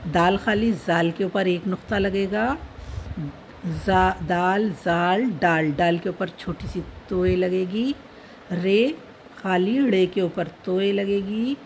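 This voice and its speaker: A woman's voice: medium pitch, takes it slowly, gravelly, a little mellow, a little hiss or hum, poor audio. A woman teaching how to write Urdu letters, patiently naming each letter and dot as she writes. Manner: patient, repeats letter names while writing. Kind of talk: slow step-by-step writing lesson.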